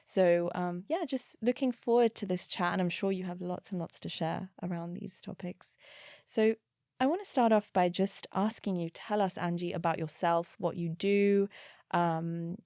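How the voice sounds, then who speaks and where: A woman's voice: lowish voice, creaky, a little mellow, no echo, studio quality. A woman hosting a podcast interview, thinking aloud in a reflective, meandering way. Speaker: podcast host. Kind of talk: conversational interview.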